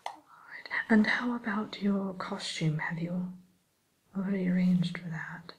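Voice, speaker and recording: Casting: woman to play sly, genteel witch tutor for ASMR roleplay; low soft whisper, slow hesitant delivery, vain and politely condescending. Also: slight background noise, natural voice, poor audio. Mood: helpful, courteous. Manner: unhurried, hesitant, politely condescending, addresses listener as pupil.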